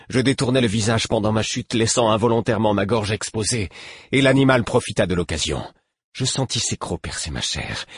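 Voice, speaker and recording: A man with a low, husky voice reads a first-person adventure audiobook with measured, grave intensity. The recording is close and completely dry, as in a small booth. He keeps a steady storyteller's pull through every sentence. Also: no echo. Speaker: audiobook narrator. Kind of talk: dramatic audiobook reading.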